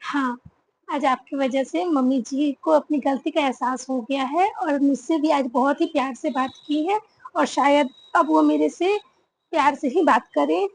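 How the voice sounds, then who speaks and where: A woman's voice: sits high, measured pace, creaky, rough recording. A woman playing a fed-up elder daughter-in-law. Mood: grateful. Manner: complaining, sharp retorts. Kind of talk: family drama acting.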